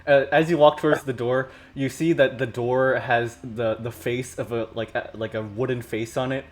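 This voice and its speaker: A man as game master, improvising narration for a tabletop game in a halting way, often repeating words. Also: mid-range voice, steady tone.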